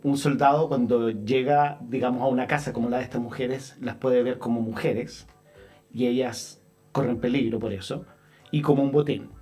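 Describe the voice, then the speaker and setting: A man's voice: mid-range voice, fairly even intonation, normal speed, dark tone, faint music behind. A man, a playwright and theatre director, speaking as a radio studio guest and often repeating words as he starts a thought.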